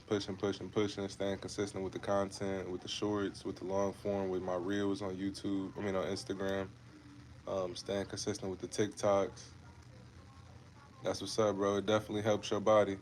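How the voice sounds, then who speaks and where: On a fitness livestream, a twenty-something man from Ohio chats casually with viewers, laid-back and repetitive, calling them "bro" and "man." His voice is low-pitched and a little mellow, with slight background noise.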